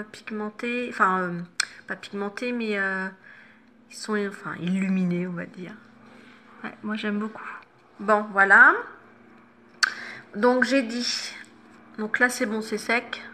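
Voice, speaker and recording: A woman's voice: mid-range voice, pushed and bright. A woman makeup vlogger chatting casually through a tutorial at home, with many fillers and self-corrections. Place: home, no studio lighting.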